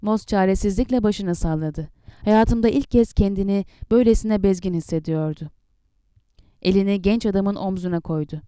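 Warm-voiced woman narrating an audiobook. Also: medium pitch, moderate pace, smooth, no room sound, clean studio sound. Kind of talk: scripted narration.

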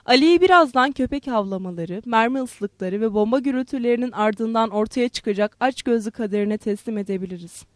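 A woman reads a literary novel aloud, measured and expressive. Her voice sits fairly high. The recording is dry and close, with no room sound. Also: no echo. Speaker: narrator. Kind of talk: literary audiobook narration.

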